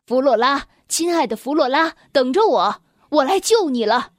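A woman's voice: mid-range voice, expressive, a little slow, a little mellow, slightly rough, no echo, clean studio sound. A woman voicing an earnest, lovestruck young prince in a children's story, speaking with a heartfelt delivery. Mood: resolute.

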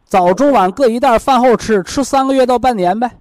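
A man's voice: very high voice, a little fast, a little mellow, no room sound. A man with a Northeastern Chinese accent giving folksy health advice to a caller, colloquial and repeating himself as he explains with homely analogies. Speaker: health expert advising callers on a radio programme.

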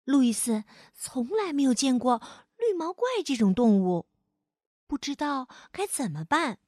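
This storybook narrator is a woman whose high, lilting voice glides up and down in a slightly mellow, sing-song way. Her pace is a little slow and she lingers on sentence-ending particles. The sound is close-miked and dry.

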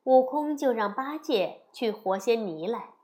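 Woman narrator for a kids' story podcast; lively, unhurried, a touch high. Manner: slow, expressive storytelling.

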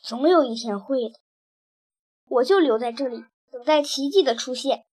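Storybook turtle sage, old and male, calm and knowing, read by a woman with a high voice. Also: moderate pace, breathy edge. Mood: calm, wise. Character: wise old male green-haired turtle.

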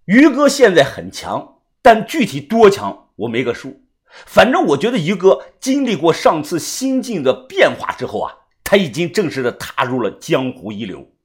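A man narrating a web-novel audiobook with lively, theatrical storytelling. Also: on the high side, moderate pace.

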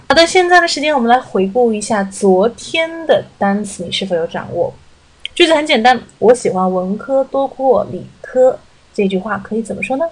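A woman teaching vocabulary in a friendly, chatty way, slowly repeating words to show how they are said. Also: a little high, husky, rough recording. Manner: slowly repeats English words to stress the pronunciation. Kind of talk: vocabulary lesson podcast.

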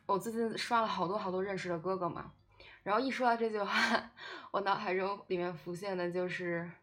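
A woman giving a casual online language lesson, chatty and repeating words slowly for learners. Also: fairly low pitch, a bit bright. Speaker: Korean language teacher.

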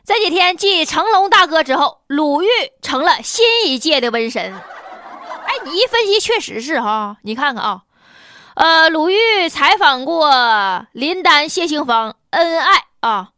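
A woman's voice: high-pitched, pushed and bright, a little hiss or hum. A woman with a Northeastern Chinese accent giving sarcastic, colloquial comic commentary on the news as a host.

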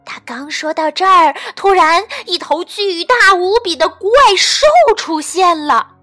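A woman storyteller gently and expressively reading a bedtime story to children. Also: extremely high pitch, a little slow, faint music behind.

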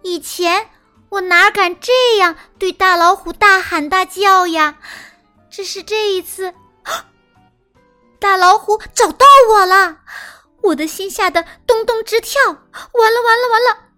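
A woman telling a children's story as a small timid mouse, in a sweet, expressive, sing-song manner. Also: very high-pitched, slow, soft background music.

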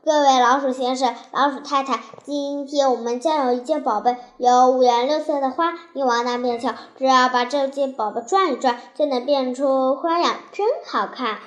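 A woman's voice: sits high, steady tone, moderate pace, few pauses, echoey room, lightly acted. A woman voicing a shrewd, talkative female mouse who haggles over a treasure. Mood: persuading. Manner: smooth-talking, haggling.

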